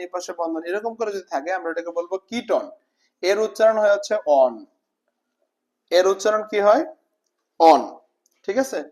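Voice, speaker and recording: A man, teaching an informal exam-prep chemistry lesson, repeating terms slowly and asking students whether they follow. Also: sits high. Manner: repeats terms slowly, checks understanding with questions. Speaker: chemistry tutor.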